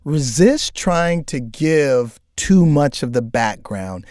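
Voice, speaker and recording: A man co-hosting a career advice podcast, telling stories in an animated way and acting out exasperated listeners. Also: on the high side, slow pace, dry recording, studio quality. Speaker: co-host.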